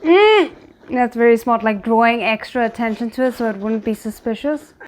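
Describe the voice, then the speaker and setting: Poor audio captures a woman's fairly high voice at normal speed. Hosting a reaction video, she reacts casually to a drama with brief exclamations and quick musings spoken aloud.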